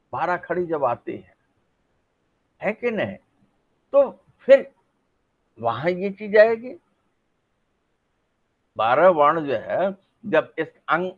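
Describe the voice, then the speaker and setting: Middle-aged male lecturer, high animated delivery, asks questions and answers them himself, dull lo-fi recording. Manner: demonstrates sounds aloud, asks and answers his own questions. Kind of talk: classroom lecture on phonetics. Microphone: facing a camera.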